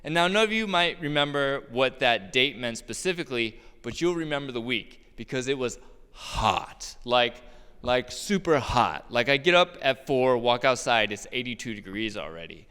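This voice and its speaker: A man tells a personal story about his roofing work in a relaxed, joking way, full of ums and laughs. His voice is smooth and resonant at a middle pitch. A long hall reverb follows his words. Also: normal speed. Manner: casual, joking, many fillers and laughs. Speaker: roofer telling a personal story. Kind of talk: personal storytelling talk on stage.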